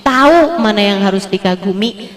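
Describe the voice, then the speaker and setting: A middle-aged woman giving a religious lecture, playful and animated, often mimicking others in a high voice. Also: normal speed, in a large hall. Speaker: preacher.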